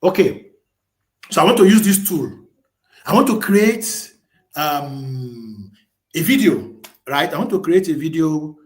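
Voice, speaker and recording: A man's voice: fairly high pitch, lively intonation, slow pace, pauses often, a little mellow. A man presenting a webinar as a live screen-share tutorial, thinking aloud as he types, restarting and correcting himself.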